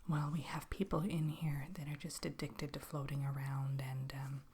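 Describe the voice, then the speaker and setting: A woman in a whispered role-play, playing a chatty, polite fairy tale interviewer with a hesitant, conversational, softly questioning manner. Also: extremely low pitch, little pitch movement, normal speed, a little hiss or hum. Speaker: ASMR role-play performer.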